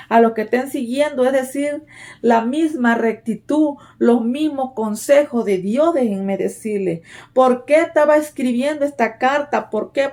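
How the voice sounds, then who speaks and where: A woman delivers a sermon to her congregation in a slightly high voice. She speaks earnestly and exhorts her listeners, checking in with them again and again and circling back over her points. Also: a little mellow. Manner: repeats "¿verdad?" and "déjenme decirle" as fillers. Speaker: preacher.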